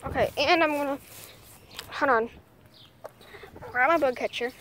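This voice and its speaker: Filming a casual vlog in her backyard on a handheld phone camera, this young nature vlogger speaks a little slowly in a high, somewhat bright voice with a touch of hiss or hum. She rambles and hesitates, peppering her talk with "like" and "I mean," as birds chirp faintly nearby.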